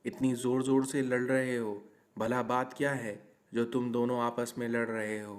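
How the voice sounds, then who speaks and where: A man's voice: medium pitch, level tone, moderate pace, close to an everyday voice. A man voicing a caring but scolding middle-aged mother-in-law in a cartoon story. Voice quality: scolding, admonishing.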